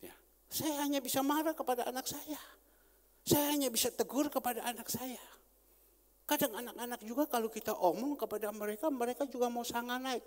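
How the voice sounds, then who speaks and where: A man preaching a sermon as pastor, swinging between loud emphasis and hushed asides. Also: very high voice, steady tone, brisk. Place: large church hall. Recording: long church hall reverb.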